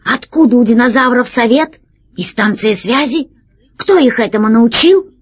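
Grumpy rat pirate boss guy, woman reading it, snappy and loud, kinda breathy. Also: fairly high pitch, moderate pace, no echo, pitched above the performer's own voice. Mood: grumbling, wary. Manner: curt, grumbling, louder than the narration. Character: scheming rat pirate captain, male, wary and sharp. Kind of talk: storybook reading.

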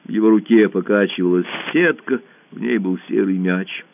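A man narrating a dramatized children's story in an expressive, theatrical way. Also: fairly low pitch, normal speed, vocal fry. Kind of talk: dramatized audiobook reading. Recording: tinny phone-like radio audio.

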